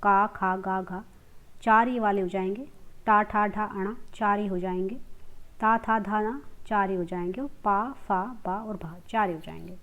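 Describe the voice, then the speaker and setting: A woman teaching a grammar lesson, sounding out letters slowly and asking questions she then answers herself. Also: mid-range voice, steady tone, fairly bright tone, highs cut off. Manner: explains step by step, repeats letter sounds slowly, asks and answers her own questions.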